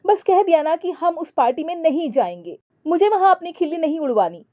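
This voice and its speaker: A woman's voice: high-pitched, expressive, normal speed, mellow, pitched above the performer's own voice. A woman voicing a bossy, fashion-obsessed young wife who talks insistently and dramatically in a storybook.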